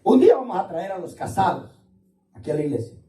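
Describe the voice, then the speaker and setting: A man's voice: sits high, big pitch swings, quick pace, dark tone, echoey room, distant mic, low-quality recording. A man preaching a sermon to his congregation in a casual, talkative way, calling listeners "brother". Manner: colloquial preaching, addresses listeners as "hermano". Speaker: pastor. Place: church.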